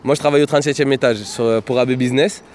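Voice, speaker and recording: A man recounts his past in a loose, meandering way, stacking up fillers and "et cetera". His voice sits at an ordinary middle pitch. He is recorded outdoors in a city neighbourhood, with faint traffic hum behind him. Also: steady tone, very fast, darkish tone. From Marseille, France. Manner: rambling, full of fillers and "et cetera". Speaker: interviewee. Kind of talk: casual storytelling.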